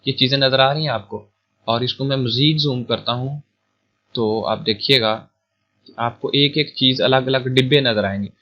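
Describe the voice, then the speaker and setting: A man's voice: mid-range voice, moderate pace, dull audio. A young man from Pakistan teaching an online computing lecture in a chatty, informal way, often repeating points and checking in with his viewers. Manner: chatty, repeats points, keeps adding "theek hai". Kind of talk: informal screen-recorded lecture.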